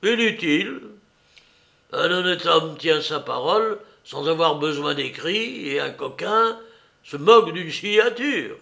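A man voicing a stern, disfigured male recluse with a muffled, hoarse voice, read as an audiobook character. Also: on the high side, lively intonation, a little slow, fairly bright tone, voice pushed up, full character voice. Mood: commanding. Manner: curt, commanding pronouncements.

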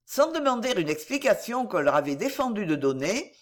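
A woman narrating a fairy tale in a measured, expressive storybook reading. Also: mid-range voice.

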